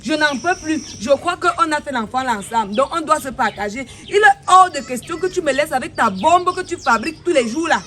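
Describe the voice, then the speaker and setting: A woman with a Cameroonian French accent playing a fed-up mother who argues heatedly and accuses fast. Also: high voice, lively intonation, bright, forceful tone, a little hiss or hum. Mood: exasperated. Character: exasperated mother, fed up and combative. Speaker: mother in a comedy web series. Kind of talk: comedy web series acting.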